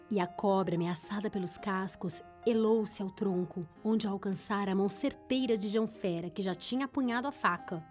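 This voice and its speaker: Woman audiobook narrator, steady measured delivery, faint music bed. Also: mid-range voice.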